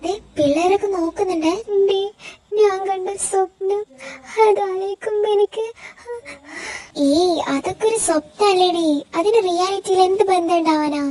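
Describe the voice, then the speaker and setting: Woman voicing a very high-pitched anxious young woman. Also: normal speed, warm tone, low-quality recording. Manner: pleading, emotional. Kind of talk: amateur audio drama.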